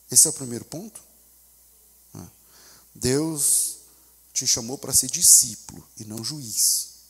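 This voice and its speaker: A man with a Brazilian Portuguese accent preaching a sermon as pastor, swinging from quiet asides to loud preaching shouts and acting out the voices of the people in his stories. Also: on the high side, husky, in a large hall. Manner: acts out voices of church members and a desperate mother.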